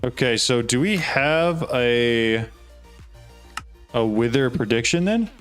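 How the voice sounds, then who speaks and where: A man streaming a game and talking to himself as he works, his voice at an ordinary middle pitch. He keeps asking quick, puzzled questions as he hunts for things. Faint game music plays behind him. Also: animated, fairly bright tone, clean tone. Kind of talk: casual live gameplay talk.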